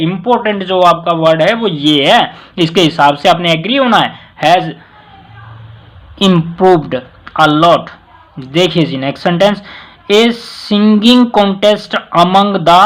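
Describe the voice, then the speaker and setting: High-voiced man teaching grammar, heavy word stress. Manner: stresses words loudly, mixes Hindi with English; addresses listeners with respectful "जी". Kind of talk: casual classroom explanation.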